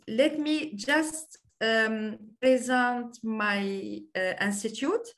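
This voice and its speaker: Slow, hesitant Tunisian woman lecturer. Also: on the high side. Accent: French-influenced English. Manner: hesitant, many fillers. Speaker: business lecturer. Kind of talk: online lecture presentation. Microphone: video call.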